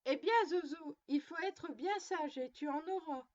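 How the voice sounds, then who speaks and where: A high-voiced little girl lectures her doll like a strict, prim mother, taking her time over each reproach, as a woman puts her on. It is a storybook reading with slightly muffled, lo-fi sound. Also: a little slow. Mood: tender.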